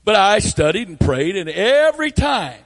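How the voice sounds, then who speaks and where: An older man, a pastor, preaching a sermon with earnest, repetitive storytelling that builds from hushed tones to near-shouting. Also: sits high, big pitch swings, normal speed, creaky.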